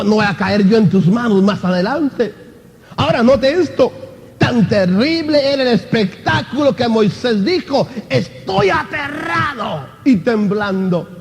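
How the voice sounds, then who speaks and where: A man's voice: very high-pitched, a little mellow. A man preaching an impassioned sermon as pastor, addressing the congregation again and again as brother. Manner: impassioned preaching, often calling out "hermano". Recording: long hall reverb.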